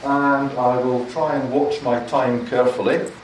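Unhurried and level in tone, an older Scottish man with a medium-pitched voice gives a guest academic lecture. He's chatty and self-deprecating and tends to repeat words. A handheld mic captures him from afar in a large hall, so the sound is echoey with faint noise.

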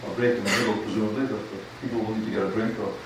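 An older man with a Scottish accent speaks very fast in a lowish voice with fairly even intonation. He's a guest lecturer giving a chatty, self-deprecating academic talk, repeating words often. The recording comes from a large, echoey hall, picked up at a distance by a handheld mic, with faint noise.

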